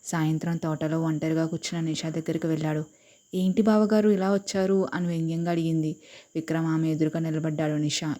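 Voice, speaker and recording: Low, flat-voiced woman narrating a story. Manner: reads every character's lines in her own voice.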